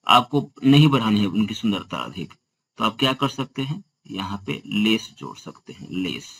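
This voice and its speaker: A man's voice: fairly low pitch, big pitch swings, normal speed, creaky, a bit bright, slightly rough, low-quality recording. A man teaching a grammar lesson, explaining step by step and asking and answering his own questions.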